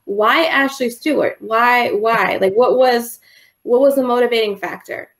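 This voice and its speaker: A woman's voice: on the high side, unhurried, a bit bright. Upbeat woman moderating a panel. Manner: enthusiastic, affirming, upbeat. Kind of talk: panel discussion.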